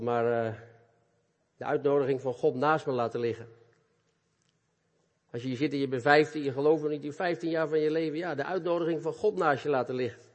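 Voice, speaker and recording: A man preaching a sermon in speech, earnest and animated, addressing young listeners directly. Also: fairly high pitch. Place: church hall. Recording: long reverb of a church hall.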